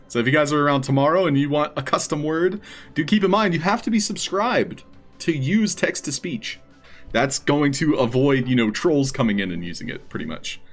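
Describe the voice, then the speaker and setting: A man hosting a live stream, chatting casually with his viewers. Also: medium pitch.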